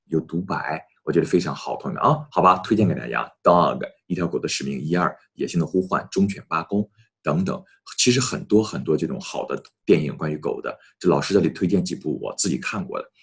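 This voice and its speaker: A man with a very low, husky voice teaches English. His pitch moves a lot as he talks to his students. He slows down to repeat phrases clearly. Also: lively intonation. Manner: repeats phrases slowly, addresses students often. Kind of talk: online English lesson.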